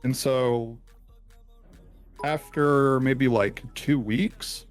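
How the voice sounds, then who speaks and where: A man speaking through a deep, pitch-shifted voice changer as an interviewed hacker, explaining in a hesitant, rambling way with many ums and restarts. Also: drawn-out words, soft background music. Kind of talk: casual call-in interview.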